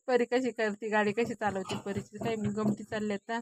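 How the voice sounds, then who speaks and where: A young woman chatting casually to her viewers as she films her small daughter, repeatedly urging them to take a look. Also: mid-range voice. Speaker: vlogger filming her daughter. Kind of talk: casual vlog narration to viewers. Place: outdoors in the countryside, partly sitting in a vehicle. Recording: noisy outdoor phone recording. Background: sheep and outdoor sounds.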